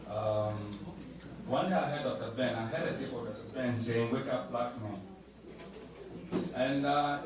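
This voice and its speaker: A man from Ghana, giving an earnest, hesitant personal testimony. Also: medium pitch. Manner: earnest, hesitant with many ums. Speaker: audience speaker. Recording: echoey hall, from far off, noisy.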